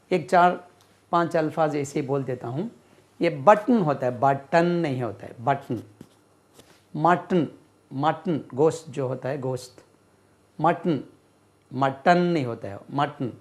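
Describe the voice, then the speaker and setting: A man teaching English grammar, repeating words slowly while he writes on a board. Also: fairly high pitch. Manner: slow, repeats words and spells them out while writing. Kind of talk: classroom-style lesson explaining grammar.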